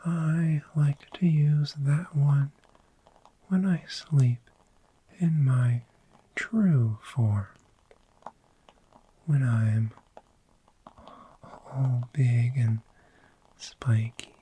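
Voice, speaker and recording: A performer voices a gentle, friendly dragon in human form for a sleep ASMR roleplay, whispering softly and breathily at medium pitch with unhurried, soothing pauses. The mood is soothing and informative, though the low-quality recording carries a little hiss or hum.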